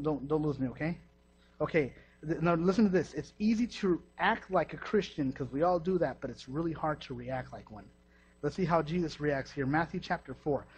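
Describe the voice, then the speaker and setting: A man preaching a sermon in a lively, joking way, often repeating himself, in a dull lo-fi recording. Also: on the high side, a little hiss or hum.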